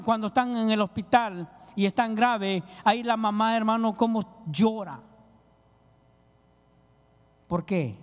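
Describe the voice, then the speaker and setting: Preacher guy, fervent and pleading, kinda high voice, long echo in the church. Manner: fervent, pleading, addresses listeners as brother. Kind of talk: sermon. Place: church hall. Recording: reverberant church hall.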